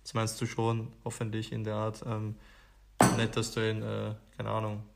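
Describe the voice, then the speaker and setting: A man co-hosting a casual podcast chat, speaking in a calm, measured way. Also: on the low side, gravelly, heavy background noise. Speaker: podcast co-host.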